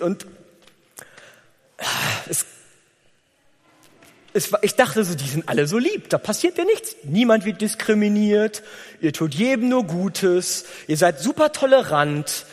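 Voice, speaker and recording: Lively high-voiced preacher in a reverberant hall. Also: male voice, measured pace, long pauses. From Germany. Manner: lively, conversational preaching with acted-out dialogue. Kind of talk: sermon.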